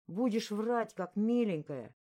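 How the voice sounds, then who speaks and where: A woman's voice: medium pitch, animated, slow pace, dark tone, pitched above the performer's own voice. Woman voicing a hissing young male bully. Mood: menacing. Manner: menacing, hissing threats.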